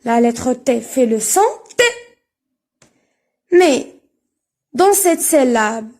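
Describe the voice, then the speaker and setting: A woman with a high voice leads an early reading lesson. She talks very slowly and lingers on each syllable. Her enunciation is careful and deliberate, and she repeats each sound for young learners. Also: animated, mellow. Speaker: teacher.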